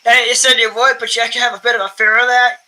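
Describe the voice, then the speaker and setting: A young coin-collecting channel host rambles loosely while sorting coins in a casual vlog. His voice sits higher than most men's, bright and forceful yet level, and he talks rapid-fire. Chatty and self-amused, he keeps pausing to clear his throat and laugh at himself.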